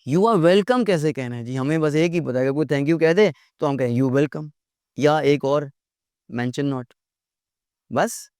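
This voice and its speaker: A man's voice: on the high side, slow, a little mellow, clear, resonant tone, dry recording, studio quality. Earnest man teaching an English lesson. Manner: earnest, repeats words for drill.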